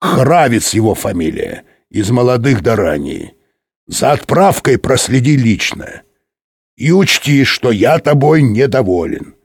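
A man voicing a self-important general inspector who gives radio orders in an authoritative, pausing manner. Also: medium pitch, gravelly, breathy edge, no echo, full character voice.

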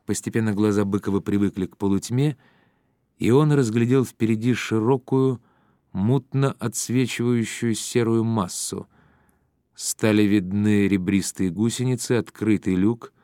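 Low, dry-voiced male narrator. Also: no room sound. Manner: steady, measured reading. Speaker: audiobook narrator. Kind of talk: scripted narration.

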